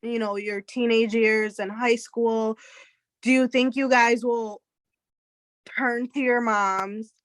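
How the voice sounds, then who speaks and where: A woman with a fairly high voice who talks slowly in casual chat. The sound is dry and close, with little room around it. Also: steady tone, no echo. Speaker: co-host.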